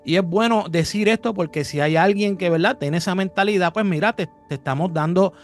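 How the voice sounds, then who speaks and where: Male host w a fairly high voice, keeps agreeing, faint music behind. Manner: affirming, quick to agree. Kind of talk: interview hosting.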